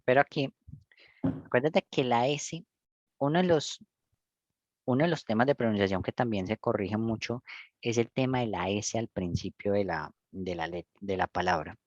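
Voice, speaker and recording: A man's voice: fairly low pitch, normal speed, no room sound. Man, English teacher, patient step-by-step explaining, lo-fi, dry. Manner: patient, explains step by step with frequent checks like "¿cierto?" and "listo". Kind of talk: one-on-one online English lesson.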